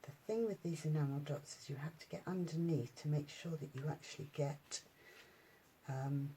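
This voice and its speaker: A woman demonstrating paper crafts at home, chatting in a relaxed way and thinking aloud with many ums. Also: deep voice, moderate pace, a little hiss or hum. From United Kingdom. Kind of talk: casual craft tutorial.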